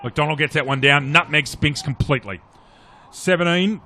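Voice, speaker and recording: A man with an Australian accent giving live play-by-play of an Australian rules football match in short, clipped, animated phrases. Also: fairly high pitch, moderate pace. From Australia, regional New South Wales. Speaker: sports commentator. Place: outdoor commentary box at a suburban football oval.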